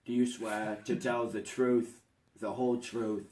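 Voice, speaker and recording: A man playing a monotone judge. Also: mid-range voice, measured pace, natural voice. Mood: formal. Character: male judge presiding over a hearing. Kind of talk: amateur school skit acting. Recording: echoey room from far off, noise.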